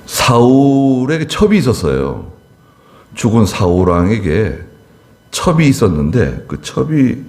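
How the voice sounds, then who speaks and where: A man's voice: fairly low pitch, warm tone. A man pastor preaching an expository sermon. He talks conversationally, drops in small asides, and acts out the quarrels in his story with raised, scolding lines. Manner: retells scripture by acting out the quarrels in a raised voice. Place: church.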